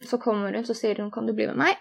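A woman's voice: on the high side, fairly even intonation, gravelly. A young woman telling a personal story in conversation, earnest and candid, retelling each exchange in detail.

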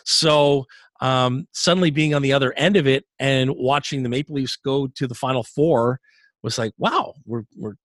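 A middle-aged Canadian arena announcer, appearing as an interview guest, tells his career story in an upbeat, chatty way, often repeating words as he restarts. His medium-pitched voice comes at a normal speed, a bit bright, with no echo.

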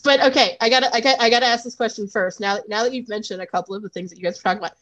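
A woman's voice: on the high side, fairly even intonation, racing, a bit bright, dull audio. Chatty woman hosting a podcast. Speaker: podcast host. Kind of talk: casual podcast interview.

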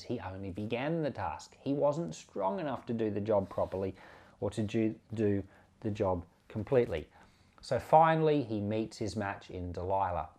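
Speaking in a fairly low, mellow voice, this pastor and Bible podcaster comments on scripture in a relaxed, conversational way. He stresses his points emphatically and explains them with examples.

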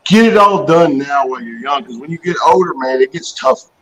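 A man's voice: on the high side, animated, a little fast, crowd noise, low-quality recording. A man in his mid-forties, a reptile breeder and business owner, talking as a guest in a folksy, blunt, plain-spoken way. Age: 40s. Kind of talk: casual chat.

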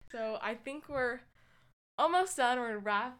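A woman's voice: a little high, animated, normal speed, a crowd in the background. A young adult woman in college, hosting an interview casually, with many filler words.

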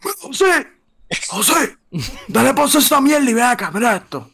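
A man imitating his older father, who mockingly shouts for his son to come look, repeating himself insistently. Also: very high-pitched, big pitch swings, a little fast, gravelly, slightly rough, pitched above the performer's own voice, exaggerated voice. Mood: excited mocking.

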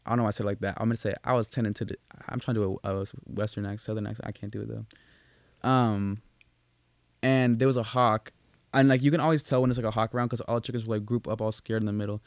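A young male podcast co-host talks rapid-fire in a lowish voice with fairly even intonation, and there's no room sound. His casual storytelling wanders, is profane, and keeps restarting amid plenty of fillers.

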